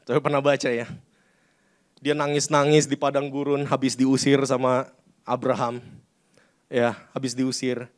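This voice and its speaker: A man's voice: medium pitch, monotone, moderate pace, long pauses. A man preaching a sermon, talking conversationally and often turning to the congregation. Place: church.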